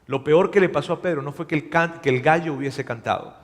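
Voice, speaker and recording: Man, pastor, animated storytelling sermon, high voice, long hall reverb. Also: fairly quick. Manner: animated storytelling, acts out dialogue.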